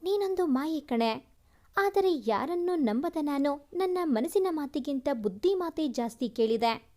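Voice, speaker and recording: Female narrator as short-fused young husband, high-pitched, storybook reading. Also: animated, measured pace, warm tone. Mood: pleading tender. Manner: pleading, then harsh and scolding. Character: brooding young man confessing love, quick-tempered.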